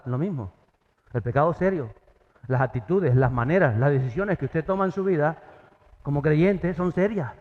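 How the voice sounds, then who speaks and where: A man preaching a sermon as pastor, acting out biblical dialogue with sudden jumps in pitch. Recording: dull sound, long church reverb.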